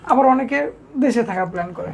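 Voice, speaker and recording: A man's voice: extremely high pitch, expressive, fast talker, gravelly, breathy edge, dull audio. A man from Bangladesh hosting a casual live chat, asking questions and agreeing along the way. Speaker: host.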